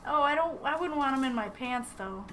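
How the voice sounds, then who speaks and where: High-voiced gushing woman streamer. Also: expressive, a little fast, sharp tone, slight background noise. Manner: gushing, cooing at animals. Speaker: streamer co-host. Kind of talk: casual reaction chat.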